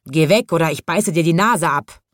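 A woman voicing a proud, lazy, grumpy male lion in a children's storybook, roaring and growling loudly. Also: low-pitched, normal speed, no room sound, clean studio sound, close to an everyday voice. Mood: boastful growling. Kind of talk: storybook reading.

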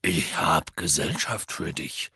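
A man voicing a huge, rough-hearted male giant-keeper in an audiobook, coaxing and scolding with cries. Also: extremely low pitch, takes it slowly, no room sound, clean studio sound, pitched below the performer's own voice, heavily acted. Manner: pleading, coaxing, shouting. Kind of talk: audiobook character voice.

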